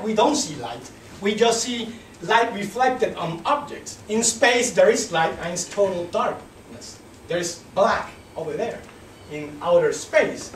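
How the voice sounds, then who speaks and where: High-voiced man lecturing in echoey room. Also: distant mic, slight background noise. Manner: philosophical, repeats and restarts. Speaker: beekeeping instructor. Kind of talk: reflective lecture.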